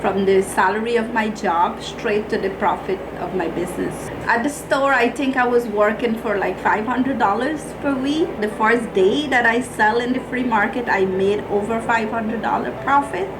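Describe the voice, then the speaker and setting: A woman's voice: fairly high pitch, moderate pace, hardly any pauses, noisy background. A middle-aged woman with a Guyanese accent tells her own story in plain-spoken, colloquial interview answers. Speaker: small business owner being interviewed. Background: music.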